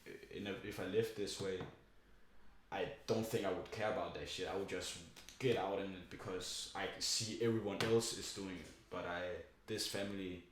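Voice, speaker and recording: A man's voice: deep voice, steady tone, moderate pace. A young man in casual conversation, talking in a rambling, profane way with many fillers. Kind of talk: casual chat. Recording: very echoey room with faint noise.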